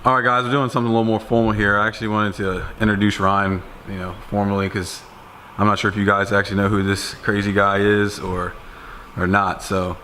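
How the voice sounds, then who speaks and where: Laid-back man with a low voice. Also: flat delivery, a little fast, pushed and bright, a little hiss or hum. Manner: laid-back, filler-heavy. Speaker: vlog host. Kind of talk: casual vlog talk.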